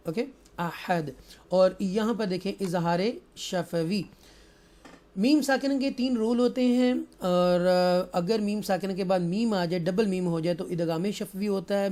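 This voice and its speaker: A man teaching Quran recitation rules, switching between slow, drawn-out chanted recitation and quick spoken explanations. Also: high voice, a little mellow. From Pakistan. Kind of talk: tajweed lesson, recitation with explanation.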